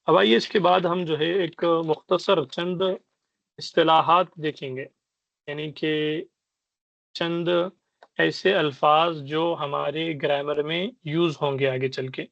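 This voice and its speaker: A man teaching a beginners' Arabic class, explaining patiently and sounding out letters and vowels slowly. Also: on the high side, steady tone, creaky, fairly bright tone, dry recording, dull audio. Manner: patient explaining, repeats "ٹھیک ہے" to check understanding. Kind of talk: online language lesson.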